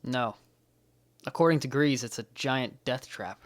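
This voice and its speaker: A man's voice: medium pitch, a little slow, lightly acted. A man playing a guilt-ridden young male Jedi who speaks earnestly and blames himself. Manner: earnest, self-blaming, subdued.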